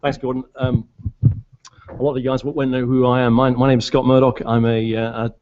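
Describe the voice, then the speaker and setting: A middle-aged man from Glasgow with an anglicised British accent, giving a halting, unscripted speech at a public meeting. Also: medium pitch, little pitch movement. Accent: British, anglicised by years in southern England. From Glasgow, Scotland. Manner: halting, hesitant. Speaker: board candidate addressing fans. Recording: dull, lo-fi meeting recording.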